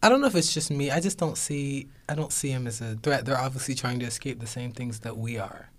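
A man's voice: medium pitch, brisk. A teenage boy talking casually on a youth radio panel in a studio, with many "like" fillers. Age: teens. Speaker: student panelist. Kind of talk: casual discussion.

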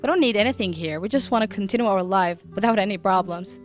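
A woman's voice: mid-range voice, fast talker, soft background music. A teenage girl from Syria whose first language is Arabic, speaking earnestly and directly in an interview. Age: teens. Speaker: student interviewee. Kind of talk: interview testimony.

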